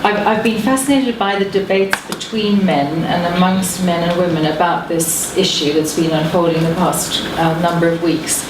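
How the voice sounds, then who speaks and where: A woman's voice: fairly low pitch, steady tone, moderate pace, hardly any pauses. A woman in the audience speaking thoughtfully and hesitantly, with many fillers. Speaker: audience member. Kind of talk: comment from the floor. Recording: echoey room, mic far off, clear background noise.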